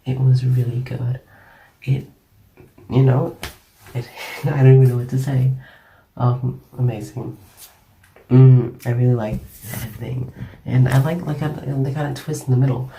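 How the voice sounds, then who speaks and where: A sick man with a raspy voice, chatting casually and rambling in a half whisper as an ASMR creator. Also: medium pitch, level tone, a little slow, pauses often, mellow, roomy sound, far from the mic, a little hiss or hum. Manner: rambling, giggly, self-deprecating.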